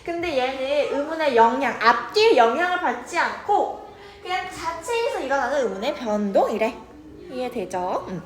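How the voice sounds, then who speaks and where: High-voiced woman teaching grammar. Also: big pitch swings, normal speed. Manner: chatty, checks in with students often. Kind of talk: grammar lesson to students.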